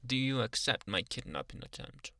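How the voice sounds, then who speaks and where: Smug and coaxing, a man acts out an obsessive, doting young yandere Uber driver in close-up ASMR, speaking in halting bursts with soft whispered asides. His creaky, medium-pitched voice has lively intonation and a playful, coaxing mood, captured in clean studio sound without echo.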